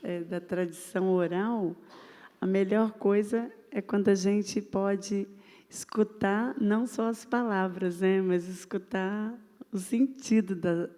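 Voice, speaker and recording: Woman, panel speaker, gentle delivery, warm dark tone, echoing event hall. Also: medium pitch, steady tone, slow. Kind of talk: panel talk. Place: cultural center event hall. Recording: reverberant hall.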